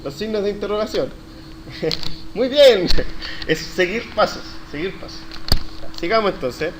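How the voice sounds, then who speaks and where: A man's voice: sits high, measured pace. A man teaching a live university coding class, questioning students and praising their answers. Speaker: university lecturer. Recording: noisy classroom recording.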